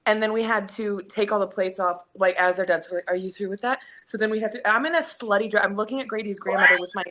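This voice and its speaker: A woman telling a long story in casual podcast chat, rambling and animated with many fillers. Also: mid-range voice, fast, a little hiss or hum.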